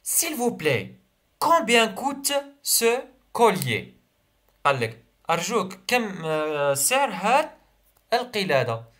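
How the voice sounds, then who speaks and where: A young man with an Algerian accent, teaching a primary school French revision lesson. He reads each sentence slowly, repeats it, and then translates it. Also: high voice, big pitch swings, pushed and bright.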